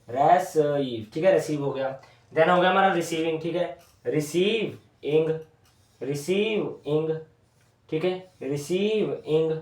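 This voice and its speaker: A man teaching shorthand at a whiteboard, stretching each word out slowly as he writes it, with said in a way inside his talk. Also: fairly high pitch. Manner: repeats each word slowly while writing. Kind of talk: whiteboard lesson. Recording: echoey room, mic at a distance.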